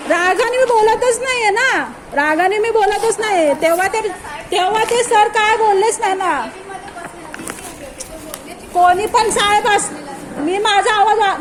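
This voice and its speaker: A woman's voice: very high-pitched, normal speed, a crowd in the background. A woman arguing with office staff while filming on her phone, insistent and confrontational, repeating her words over and over. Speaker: parent filing a complaint. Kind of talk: heated confrontation filmed live. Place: busy government office, indoors. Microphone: phone camera held while filming. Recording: noisy crowded office.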